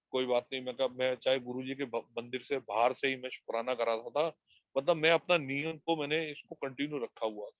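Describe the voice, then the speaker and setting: A man's voice: medium pitch, fairly bright tone, no room sound. A middle-aged man sharing a personal testimony at a satsang, telling his story by quoting his family's words, recorded dry and close.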